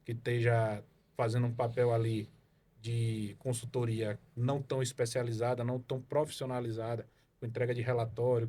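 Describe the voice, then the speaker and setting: A man with a medium-pitched, somewhat mellow voice rambles through his career story as a guest on a casual podcast interview. He's a car evaluation consultant from Salvador, Bahia, Brazil, and his speech is full of fillers and tag questions.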